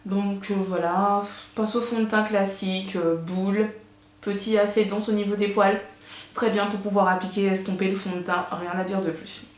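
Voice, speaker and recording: A beauty vlogger records a casual haul at home on her camera mic, chatty and enthusiastic with lots of fillers. Her voice is medium in pitch with a flat delivery and a moderate pace, and the room sounds echoey.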